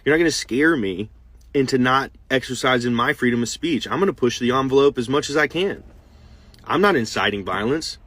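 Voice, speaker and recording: A man's voice: medium pitch, expressive, brisk, fairly bright tone, no room sound. A man with a mid-range voice talks to camera in a clip, defiant as he explains himself. The recording is dry and close.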